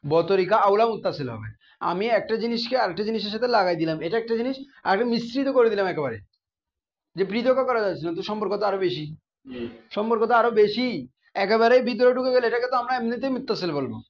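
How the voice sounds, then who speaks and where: A man's voice: high-pitched, expressive, fast talker, muffled recording. A man teaching a class, often asking his students questions and repeating the key terms. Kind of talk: classroom grammar lesson.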